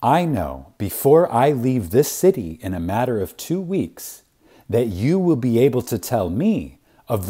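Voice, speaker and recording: In a somewhat low, mellow voice with a slight roughness, a man delivers a spiritual lecture meant to inspire. His reading is reverent and dramatic, full of long pauses and strong emphasis.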